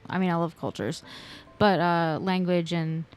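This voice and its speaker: A woman's voice: fairly low pitch, steady tone, measured pace, soft background music. A woman co-hosting a video game stream, chatting casually and expressively with slangy asides. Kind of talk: casual chat.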